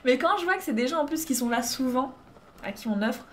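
A young woman on Twitch plays a game live, chatting loosely, laughing, and showing gratitude to her viewers. Her voice sits high and is expressive and brisk, with a bit of hiss or hum behind it.

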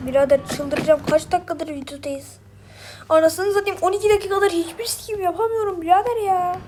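Very high-pitched woman swearing through gameplay. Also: a little fast, a little mellow, slight background noise. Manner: frustrated, swearing, exasperated muttering to herself. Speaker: gamer. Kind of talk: let's play gameplay commentary.

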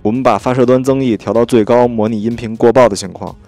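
A man's voice: mid-range voice, steady tone, fast, mellow. A man giving a plain, matter-of-fact product demo, his voice overloaded and clipping through a distorted microphone. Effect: clipping, distorted overloaded mic. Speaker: team member demonstrating a microphone.

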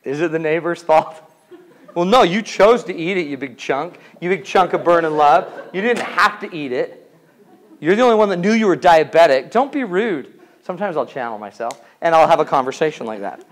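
A man's voice: a little high, animated, fairly quick. A man in his forties giving a comedic lecture to a class, jokey and theatrical, often asking the audience questions. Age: 40s. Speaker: relationship class teacher.

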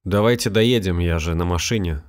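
A man's voice: low-pitched, fairly quick, close to an everyday voice. A man voicing a grieving, bewildered young husband in a storybook reading, with a terse, clipped delivery.

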